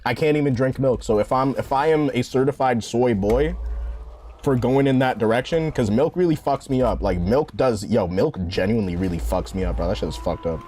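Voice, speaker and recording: A twenty-eight-year-old New Yorker chats on a gaming live stream, a little tipsy, rambling in slang, swearing often and saying "bro" constantly. His voice is medium-pitched and fairly quick with a darkish tone, over slight background noise.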